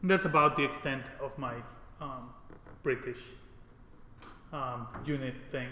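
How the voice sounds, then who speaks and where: In an echoey, reverberant indoor classroom with background noise, a male programming instructor from Mexico lectures informally. His voice is medium-pitched, pushed, and bright, with fairly even intonation and a measured pace. Casual in manner, he frequently seeks agreement through short tag questions.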